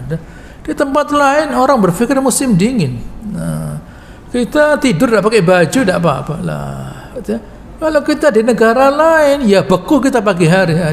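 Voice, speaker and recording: In a mosque hall, a man preaches a folksy, joking sermon with Quran commentary, full of asides and chuckles at his own jokes. His voice is high and gravelly, and the hall is reverberant with faint noise.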